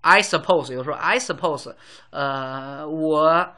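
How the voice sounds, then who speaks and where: A man's voice: a little high, takes it slowly, pushed and bright. A man teaching a casual lesson, explaining words with everyday examples and lots of fillers.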